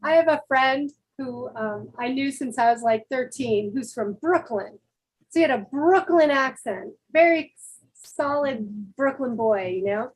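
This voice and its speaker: A woman in casual chat, telling a lively personal anecdote. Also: high voice, measured pace, breathy edge, rough recording.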